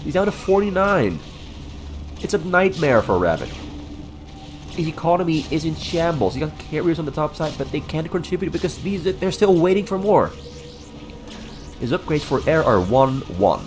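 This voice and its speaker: Animated esports caster, stuffed-up male voice. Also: on the high side, moderate pace, music in the background. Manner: play-by-play in short clipped phrases. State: sick with flu, stuffy nose. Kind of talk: live esports game commentary.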